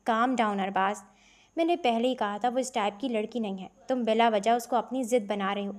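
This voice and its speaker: A woman reading the lines of a calm, amused young male friend who tries to soothe. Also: a little high, close to an everyday voice.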